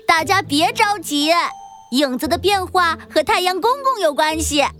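A friendly young cartoon animal with a very high, childlike voice. It sounds bubbly and cheerful, set over clear music in a children's audio story. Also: lively intonation, moderate pace, bright, forceful tone, exaggerated voice. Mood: cheerful, reassuring. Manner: bubbly, exclamatory.

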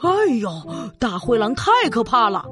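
A woman voicing an excitable, timid young piglet in a children's story, in a childlike, exclamatory way. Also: on the high side, moderate pace, faint music behind, close to an everyday voice. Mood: frightened. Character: excitable, easy-going, timid young piglet, the eldest brother. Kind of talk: children's audio story acting.

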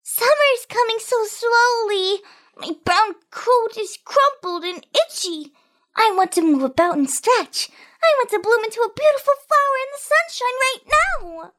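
A woman voicing an impatient, hopeful little seed in a storybook reading, excited and childlike. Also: extremely high pitch, a little slow, voice pushed up, full character voice. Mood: eager.

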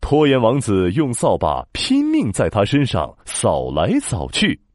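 A man narrating a children's story in a dramatic, expressive storytelling manner. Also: on the low side, a little slow, no room sound, clean studio sound. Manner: dramatic, expressive, with sound-word emphasis.

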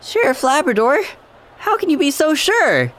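A woman's voice: high-pitched, big pitch swings, normal speed, fairly bright tone. A woman voicing an eager male dog police officer who keeps sneezing. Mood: earnest. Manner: sneezing, earnest.

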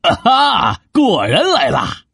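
A woman voicing a menacing, hungry male bridge troll in a storybook reading, with a gravelly, husky voice. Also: huge pitch swings, a little slow, a bit bright, no room sound, studio quality, full character voice. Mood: gloating. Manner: booming, gloating, swooping pitch.

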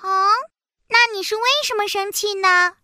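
A woman's voice: fairly even intonation, normal speed, sharp tone, no room sound, studio quality, exaggerated voice. A woman voicing small, sweet storybook animals, a fish and a bunny. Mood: delighted. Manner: squeaky, delighted. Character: tiny cheerful fish and bunny, sweet and eager.

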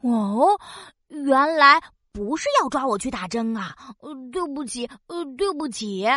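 A woman voicing a cheerful, excitable octopus magician in a children's audio story, with a theatrical, exclamatory manner. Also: high-pitched, a little slow, no echo, clean studio sound, heavily acted. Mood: sheepish.

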